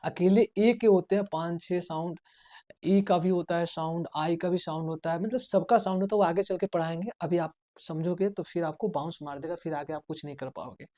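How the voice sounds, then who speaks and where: A man's voice: a little high, steady tone, a little fast, dark tone. A male spoken English teacher giving a classroom lesson, asking the class questions, answering them himself and repeating the key words. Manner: urges students to write things down.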